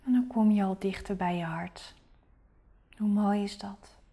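A woman guiding a meditation in a soft, breathy spa-like near-whisper, giving gentle, soothing, unhurried instructions. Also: mid-range voice, steady tone. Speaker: meditation guide.

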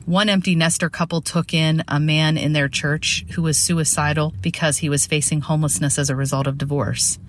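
A woman presenting on suicide prevention, reading a prepared presentation in an earnest, measured way. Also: low-pitched, steady tone, slight background noise.

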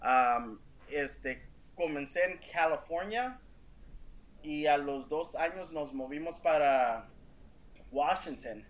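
A man's voice: a little high, animated, slow. A man as a podcast interview guest, telling a personal story earnestly and emphatically, with stumbling restarts. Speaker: interview guest, real estate agent.

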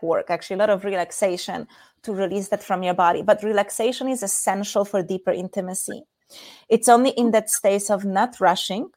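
In a podcast interview, a guest who works as an intimacy coach, a woman from Poland with a Polish accent, speaks earnestly and explains as she walks listeners through simple exercises. Her voice is medium-pitched.

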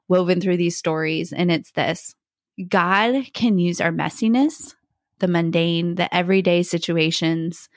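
A middle-aged woman co-hosts a faith podcast, telling a personal story in a casual, animated way, laughing often and acting out what people said. Her voice is fairly low, and the clean studio sound has no echo.

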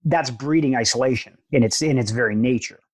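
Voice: mid-range voice, a little fast. An interview host who asks long, thoughtful questions and affirms often. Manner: thoughtful, affirming listener with frequent backchannels. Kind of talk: casual interview conversation.

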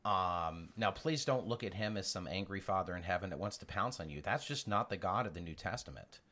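Low-voiced man teaching about faith. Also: lively intonation, sharp tone. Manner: earnest, with halting restarts and acted-out examples. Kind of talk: conversational Bible teaching.

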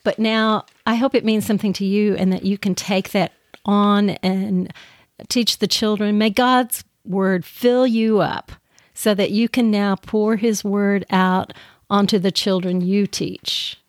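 A woman speaks in a casual podcast chat about teaching children, her tone gentle and eager. She often restarts her sentences. The sound is dry and close, with no room around it. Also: mid-range voice, steady tone, measured pace, no echo.

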